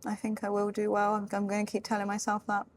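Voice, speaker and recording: A tired woman, rambling casually in a vlog with lots of fillers and soft laughs. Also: medium pitch, completely flat delivery, quick pace. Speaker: vlogger and fitness competitor in contest prep. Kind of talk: casual vlog talk to camera.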